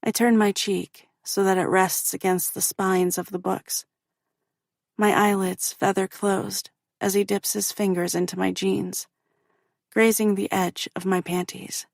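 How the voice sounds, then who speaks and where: A woman reading a first-person romance audiobook in a slow, intimate way. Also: mid-range voice, little pitch movement, creaky, no room sound, clean studio sound. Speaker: audiobook narrator.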